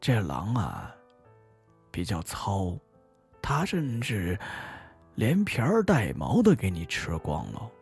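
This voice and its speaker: A man voicing a fussy elderly mother goat in a comic bedtime story, soft and drawn out. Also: lowish voice, huge pitch swings, slow pace, pauses often, slightly rough, soft background music, heavily acted. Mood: fussing.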